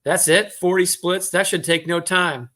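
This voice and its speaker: A man hosting a relaxed evening chat show. He rambles and restarts his sentences, reads viewer comments aloud, and teases his guests with an easy humor. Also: sits high, unhurried. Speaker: host. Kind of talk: casual chat.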